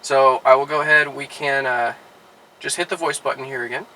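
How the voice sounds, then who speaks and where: A car dealership product specialist gives a relaxed how-to demonstration inside a car, peppering it with "all right" and "uh". He speaks fairly quickly at a medium pitch, with slight background noise and a rough recording.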